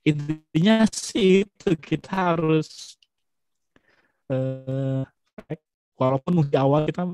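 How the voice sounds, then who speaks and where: A young man speaking as a guest in a casual webinar chat, relaxed and chatty, with many fillers and restarts. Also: on the high side, takes it slowly, clean tone.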